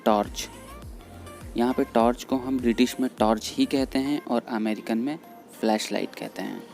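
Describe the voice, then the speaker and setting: Gravelly-voiced man teaching words. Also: medium pitch, steady tone, darkish tone. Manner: patient, repeats each word slowly. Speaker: English teacher. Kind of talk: explaining vocabulary in Hindi over slides. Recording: faint background music under voice. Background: faint background music.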